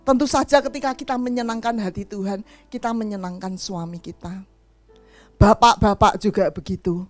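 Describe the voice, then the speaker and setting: A middle-aged woman preaching a sermon in an animated storytelling way, acting out the voices of the people in her stories. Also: medium pitch, moderate pace, dry recording, faint music behind.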